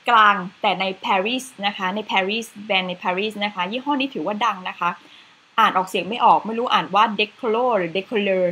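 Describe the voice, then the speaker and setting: A woman's voice: mid-range voice, fairly quick, bright, forceful tone, slightly rough, low-quality recording. A woman presenting a facial cleanser in a chatty, casual way with slides, adding polite particles to most phrases.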